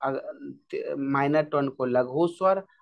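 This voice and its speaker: A man's voice: mid-range voice, slow, vocal fry, lo-fi sound. A male music teacher giving an exam-prep lesson, repeating key terms over and over in a drill style.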